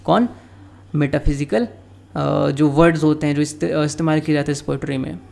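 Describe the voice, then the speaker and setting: A man teaching English literature, reading lines slowly in English and then explaining them in Hindi with frequent filler sounds. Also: on the high side, fairly even intonation, vocal fry, a little mellow.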